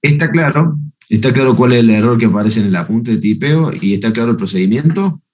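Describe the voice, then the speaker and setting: A man lectures on geometry in a calm, methodical way. His pitch sits at an ordinary middle height for a man. He often pauses to check in with his students. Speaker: math lecturer. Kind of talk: university lecture on analytic geometry.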